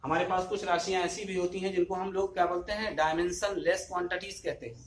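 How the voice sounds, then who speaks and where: A man with a high voice lectures on physics, calling his students children. He keeps asking the class questions and then answering them himself. The sound is echoey, with faint background noise. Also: fairly even intonation, fast talker. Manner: addresses students fondly as children. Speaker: physics teacher. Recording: echoey room.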